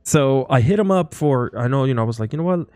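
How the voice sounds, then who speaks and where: A man's voice: medium pitch, lively intonation, fast, darkish tone, dry recording, faint music behind. A man hosting a podcast, talking casually in a rambling, enthusiastic way. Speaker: podcast host. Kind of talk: casual interview chat.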